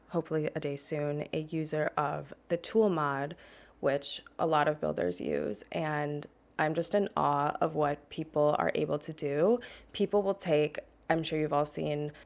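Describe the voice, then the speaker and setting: A woman host speaking quietly with vocal fry, giving relaxed, chatty voice-over commentary on a game build. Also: sits low. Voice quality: soft-spoken with vocal fry. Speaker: Sims building channel host.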